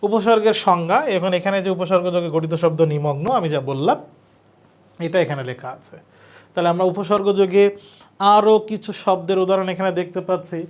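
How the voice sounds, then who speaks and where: Man, high voice, admission coaching teacher, step-by-step explanations, spells words aloud, talks directly to students. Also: normal speed. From Bangladesh. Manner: addresses students directly, informal colloquial turns. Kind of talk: lecture solving exam questions.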